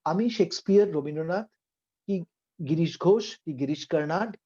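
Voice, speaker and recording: A man's voice: fairly high pitch, a little fast, dark tone, breathy edge. Earnest male acting teacher, lo-fi sound. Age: middle-aged. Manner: earnest, emphatic, switching into English phrases. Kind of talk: theatre workshop lecture.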